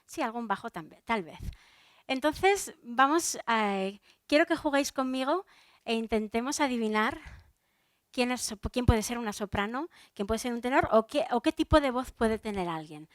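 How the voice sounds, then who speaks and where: Chatty Spanish soprano on stage. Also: female voice, fairly high pitch, animated, moderate pace, no room sound, clean studio sound. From Spain. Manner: chatty, addresses the audience directly, many fillers and restarts. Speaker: soprano giving a public talk. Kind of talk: lively public talk to a live audience.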